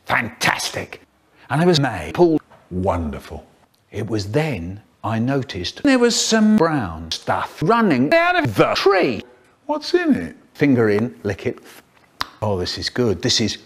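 A man telling a story, his words spliced together from separate clips, so the pitch and loudness jump from word to word. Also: a little hiss or hum. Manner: jumpy pitch and loudness from word to word, chopped delivery. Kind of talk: edited comic storytelling.

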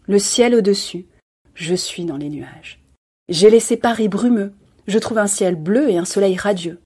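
A woman reading a literary story aloud, expressive, with dramatic pauses. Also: mid-range voice, breathy edge. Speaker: reader.

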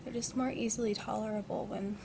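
A woman of twenty, recording a casual vlog while lying in a hospital bed, speaks fairly quickly with vocal fry, a medium pitch and a steady tone. Her manner is groggy and subdued, and the close-range built-in device mic yields noisy amateur webcam audio.

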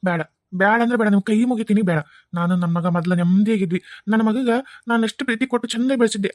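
A woman voicing an angry, protective father who scolds fast and heatedly, with a North Karnataka accent. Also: mid-range voice, a little mellow, no room sound, clean studio sound, pitched below the performer's own voice, lightly acted. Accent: North Karnataka Kannada.

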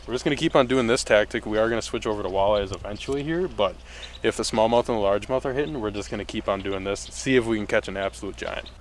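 A man's voice: fairly low pitch, fast talker, slight background noise. A young man giving upbeat running commentary while fishing from a small boat on a lake, recorded on a handheld camera. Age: young adult. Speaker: fishing vlogger. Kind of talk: casual outdoor vlog commentary.

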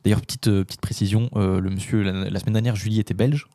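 A man's voice: fairly low pitch, fairly even intonation, fast talker, mellow, no echo. A man, co-hosting a casual podcast and rambling with many filler words. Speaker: podcast co-host.

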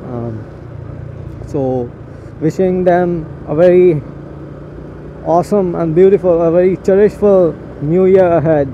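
A young Indian man, a motovlogger, chats and rambles casually while riding a motorcycle through city streets. His voice is fairly high, his pace measured, with long pauses. The helmet mic sounds muffled and picks up traffic noise.

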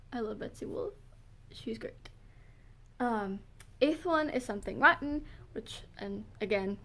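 A young woman chatting casually in a vlog, giggling often and filling pauses with "um", and she says she is losing her voice. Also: fairly high pitch. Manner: giggly, filler-heavy, gushing. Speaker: vlogger. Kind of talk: casual chat.

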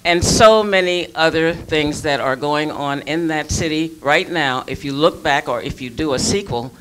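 A woman's voice: low-pitched, moderate pace, fairly bright tone, low-quality recording. A woman in the audience makes an earnest, emphatic comment to a panel.

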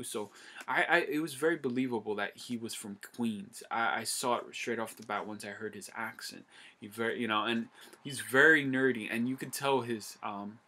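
A young man talks through a film in a loose, excited video review. His voice is bright and forceful, and he rambles, restarts his sentences and swears casually along the way. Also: medium pitch. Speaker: movie reviewer.

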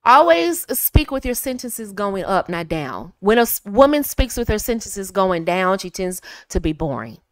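A woman from the United States giving casual, direct advice to women, often calling them ladies and swinging her pitch to demonstrate. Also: sing-song, moderate pace, few pauses, dry recording. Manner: chatty, direct, frequently addresses listeners as ladies. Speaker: femininity coach.

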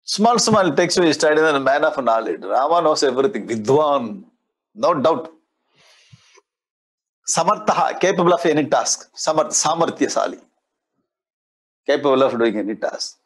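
A man in his sixties with a South Indian accent and a husky voice, lecturing on scripture as a spiritual teacher in a conversational way, often repeating phrases. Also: on the high side, very animated, normal speed, long pauses, rough recording. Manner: conversational, repeats phrases, explains with everyday examples. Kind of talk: lecture explaining Sanskrit scripture. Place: indoor studio in front of a display board. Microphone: lapel mic.

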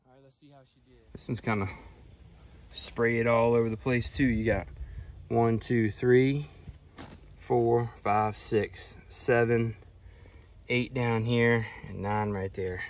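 A young man hosting a casual shooting range vlog outdoors in a grassy field, laid-back, counting pellets out loud. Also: medium pitch, steady tone, slow pace, pauses often. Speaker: outdoors channel host. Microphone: camera mic a few feet away. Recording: distant outdoor camera mic, faint insects.

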